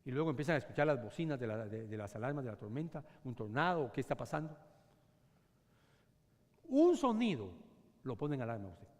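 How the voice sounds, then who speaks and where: A man pastor preaching a sermon, swinging between loud cries and hushed whispers. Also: medium pitch, fast talker, hardly any pauses. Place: church sanctuary. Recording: long church hall reverb.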